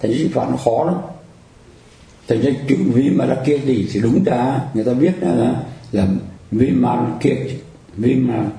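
Gravelly-voiced man giving a dharma lecture. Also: mid-range voice, mellow, roomy sound. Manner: explanatory, repeats phrases, asks the audience for agreement. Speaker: Buddhist teacher.

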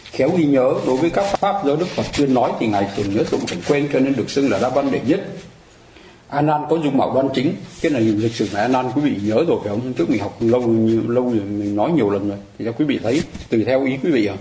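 A man's voice: medium pitch, expressive, fast, warm tone. Guy giving a buddhist talk, chatty, keeps asking the room questions, echoey, faint hum behind. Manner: conversational, asks listeners rhetorical questions. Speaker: Buddhist dharma teacher. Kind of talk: explanatory dharma lecture. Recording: roomy echo, faint ambient noise.

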